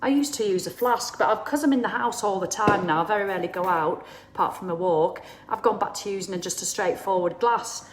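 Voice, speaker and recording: A woman's voice: mid-range voice, brisk, reverberant. A woman, talking casually and bluntly to viewers as the host, acting out the people she quotes. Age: 50s. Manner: chatty, blunt, swears, acts out quoted people. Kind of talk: casual live talk to viewers.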